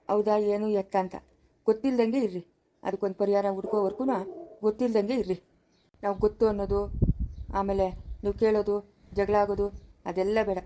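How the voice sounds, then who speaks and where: A woman's voice: medium pitch, natural voice. A woman voicing a stern older village woman in a family skit, with a rural Chikkaballapura Kannada accent, scolding and pleading. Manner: scolding, pleading, rising to sharp questions.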